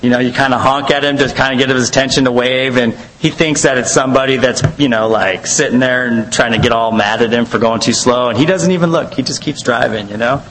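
A man's voice: mid-range voice, brisk, few pauses, a bit bright, poor audio. Male Bible study teacher, mid-range voice, chatty and rambling, faint hiss in the background. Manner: conversational, rambling, lots of fillers.

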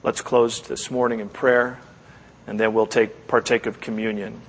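A man preaching as a pastor, closing a sermon with earnest, measured exhortation, pausing and repeating his phrases. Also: fairly low pitch, level tone, husky. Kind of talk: sermon with closing prayer and altar call. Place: church service, speaking to a congregation. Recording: long echo of a large room.

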